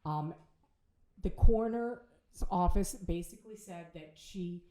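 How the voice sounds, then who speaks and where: A middle-aged woman, telling a personal story as a podcast guest in a halting way, with restarts and repeated words. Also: lowish voice, dark tone. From Ohio, United States. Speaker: bereaved mother, podcast guest. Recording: roomy echo.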